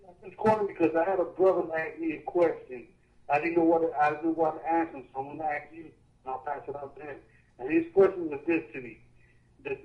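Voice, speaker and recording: A man calling in to a radio show, speaking in a hesitant, halting way. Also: fairly high pitch. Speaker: caller. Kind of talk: call-in radio talk. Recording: muffled phone line.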